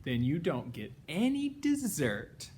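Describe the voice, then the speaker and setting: A man voicing a firm mother pea from a children's storybook, drawn-out and emphatic. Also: a little high, huge pitch swings, a little mellow, breathy edge, exaggerated voice.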